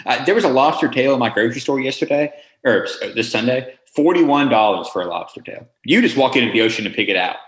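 A man's voice: mid-range voice, animated, reverberant. A man hosting a podcast, chatting casually and teasing his co-host with jokes. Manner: quick, joking, teasing.

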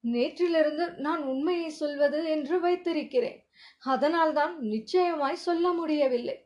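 A woman's voice: sits high, normal speed, darkish tone, close to an everyday voice. A woman reading the part of a cheeky young male warrior who talks in evasive, mock-humble riddles, on a dull lo-fi recording. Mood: sly. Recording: dull lo-fi audio.

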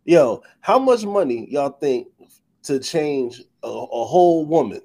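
A man's voice: on the high side, big pitch swings, measured pace, dark tone. A man co-hosting a podcast, chatting in casual slang. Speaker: co-host of a sports talk podcast.

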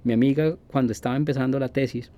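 A man's voice: mid-range voice, fairly even intonation, quick pace, muffled recording. A man in his forties from Colombia with a Colombian Spanish accent, hosting a podcast in a casual, rambling monologue full of fillers and restarts. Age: 40s. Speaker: podcast host.

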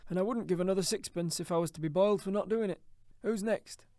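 A man's voice: sits high, fast talker, warm tone, dry recording, studio quality, voice pushed up. A man voicing a sly old rag-and-bone dealer who haggles in a wheedling tone. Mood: haggling.

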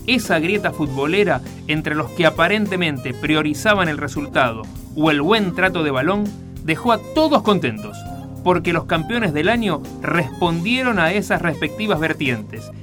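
A man's voice: fairly high pitch, expressive, moderate pace, music in the background. A man with an Argentine accent reading a scripted retrospective narration. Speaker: documentary narrator. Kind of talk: scripted narration of a year in review.

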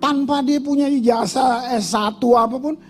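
A man's voice: extremely high pitch, fairly even intonation, moderate pace, faint music behind. An older man preaching a sermon as pastor, telling personal stories with emotion and casual slang.

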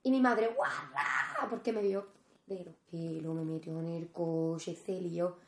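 A woman's voice: fairly low pitch, unhurried. A young woman, a podcast co-host telling a personal story in casual chat, acting out the people she quotes. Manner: animated storyteller, acts out quoted dialogue. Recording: roomy echo.

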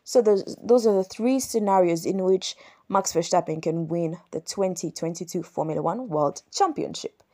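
A woman's voice: lowish voice, normal speed, dark tone. A young adult woman from Uganda, hosting a solo podcast and patiently explaining rules step by step, often repeating and correcting herself. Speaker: podcast host.

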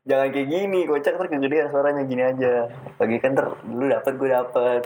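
A man speaking casual in a podcast chat, firing quick questions and interjections. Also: mid-range voice, fairly even intonation, darkish tone, slight background noise, rough recording.

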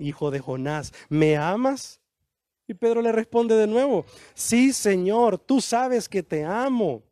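High-voiced, animated male preacher. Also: dry recording, clean studio sound. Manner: animated preaching, acting out quoted dialogue with slow emphatic lines. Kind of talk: sermon.

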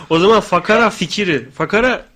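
A man's voice: sits high, very noisy. A man co-hosting a casual radio show, joking and swearing freely as he banters.

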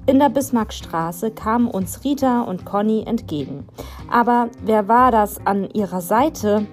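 A woman narrating a youth storybook in a lively way, putting on the characters' dialogue as she reads. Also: on the high side, measured pace, soft background music. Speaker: audiobook narrator.

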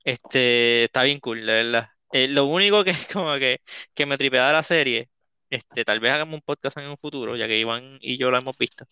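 A man's voice: medium pitch, fairly quick, bright, forceful tone, smooth, dry recording, highs cut off. A young man, hosting a casual podcast chat, laughing and tossing in English words. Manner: laughing, mixes English words, acts out quotes. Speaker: podcast host.

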